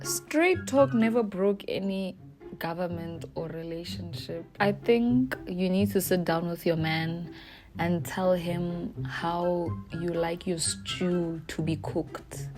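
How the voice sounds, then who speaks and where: A woman's voice: fairly low pitch, slow, music in the background. A South African woman frankly giving advice as she reacts to viewer confessions, playful and slangy. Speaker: YouTuber reading viewer confessions. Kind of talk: casual advice chat.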